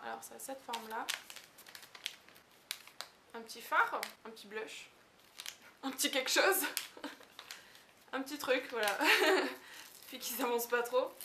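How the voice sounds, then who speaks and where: A young woman beauty vlogger chatting casually and gushing with excitement as she unboxes a package at home. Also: sits high, slow, vocal fry, pauses often, slight background noise. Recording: echoey room.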